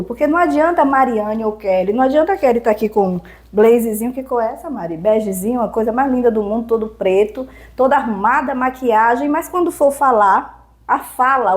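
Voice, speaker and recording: A woman with a Brazilian accent, a public speaking trainer giving didactic interview answers with rhetorical questions. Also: on the high side. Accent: Brazilian Portuguese. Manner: didactic, lists points and poses rhetorical questions.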